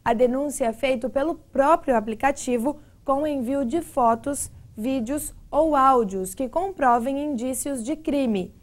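High-voiced woman news anchor. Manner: clear, measured anchor delivery. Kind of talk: read news presentation. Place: TV news studio. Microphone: lapel mic.

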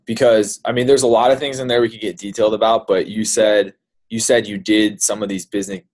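A young man hosting a casual interview over a video call, relaxed and full of quick yeahs. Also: on the low side. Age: young adult. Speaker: interview host. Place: small room indoors. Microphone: studio mic and earphones.

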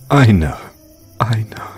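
A man with a fairly low voice performs an intimate comfort roleplay, playing a gentle boyfriend who consoles his grieving partner in a soothing, tender hush.

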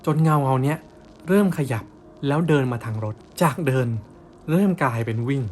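A man's voice: mid-range voice, animated, a little fast, darkish tone, slight background noise. Young man telling a slangy ghost story. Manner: blunt slangy storytelling with coarse words. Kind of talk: casual spoken ghost story.

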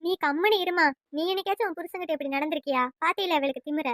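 A taunting, nagging cartoon mother-in-law, put on by a woman, pitched very high and bright. She scolds without pause, every line a jab. The sound is dry and close. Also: no room sound. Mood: scolding. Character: scolding middle-aged mother-in-law, sharp-tongued. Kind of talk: cartoon voice acting.

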